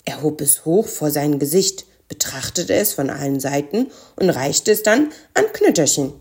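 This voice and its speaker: A woman narrating a children's story in a calm, even storytelling manner. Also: sits low, normal speed.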